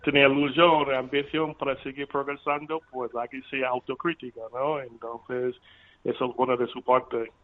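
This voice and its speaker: A middle-aged man calling in to a live radio show over a phone line, talking haltingly and repeating words as he searches for them. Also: medium pitch, little pitch movement. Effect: heard over a phone line. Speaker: caller, father of the guest. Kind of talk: live radio call-in chat.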